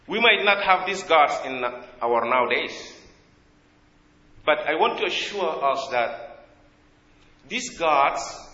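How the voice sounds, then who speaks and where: A South Sudanese-accented man preaching a sermon with a bright, forceful voice set a little high. He speaks earnestly and haltingly, pausing to find his words. The sound is dull and lo-fi, ringing through a large reverberant church hall. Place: church in America.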